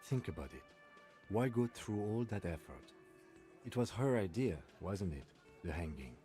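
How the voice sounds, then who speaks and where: A low, mellow, gruff voice plays a detective in a video game, as a man puts him on. He probes a suspect with a faint drunken slur. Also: sing-song, normal speed, faint music behind. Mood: probing. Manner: slightly drunken, probing. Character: gruff, hungover male detective, pressing and sly.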